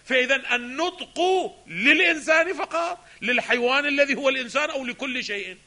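A man's voice: very high-pitched, fairly quick, bright, forceful tone. A man giving a lecture on a philosophy text, often asking rhetorical questions and answering them himself. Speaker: religious scholar teaching a text.

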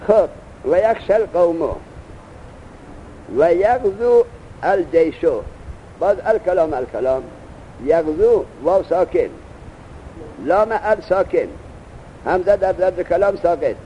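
Guy teaching a grammar class, high mellow voice, walks through it step by step and quizzes the students, faint engine rumble behind. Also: expressive, pauses often, dull audio. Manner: explains step by step, asking students questions. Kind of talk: seminary grammar lesson.

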